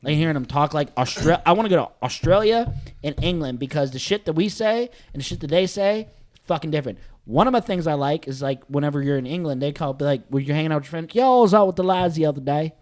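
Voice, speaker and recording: A man's voice: a little high, fast talker, darkish tone. A man, co-hosting a podcast in casual, crude, laughing banter. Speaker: podcast co-host. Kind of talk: casual chat.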